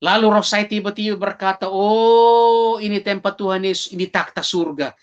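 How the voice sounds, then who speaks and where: A man's voice: high voice, fairly even intonation, a little fast, fairly bright tone, dull audio. Man telling a dramatic personal testimony. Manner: dramatic storytelling, acting out his own cries; addresses listeners as brothers and sisters. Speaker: testimony speaker.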